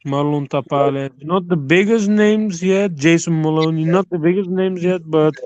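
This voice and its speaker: A friendly guest caller from the Netherlands, a man with a slightly raised pitch who patiently rattles off stats. His voice comes through dry and muffled, like low-fidelity call audio. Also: moderate pace, darkish tone, no room sound. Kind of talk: casual call-in chat.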